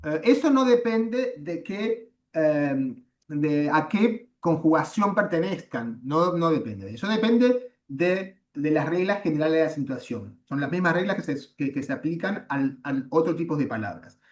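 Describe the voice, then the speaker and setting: A man teaching a Latin class over a video call, explaining patiently with frequent "eh" and "em" pauses. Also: a little high, very animated. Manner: patient, corrects students, fills pauses with "eh" and "em".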